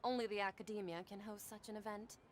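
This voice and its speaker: A stern official, played by a woman in a game, laying down the law in a cold, by-the-book tone. Her voice sits at a middling pitch over a faint noise bed. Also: steady tone, quick pace, lightly acted. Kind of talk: dubbed game voice acting.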